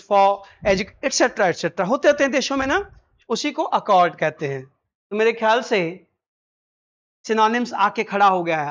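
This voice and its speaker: A man's voice: high-pitched, sharp tone, clear, resonant tone. Quizzing male vocabulary teacher, lo-fi. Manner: quizzes listeners with quick rhetorical questions; mixes Hindi explanation with slow English phrases. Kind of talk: exam vocabulary lesson.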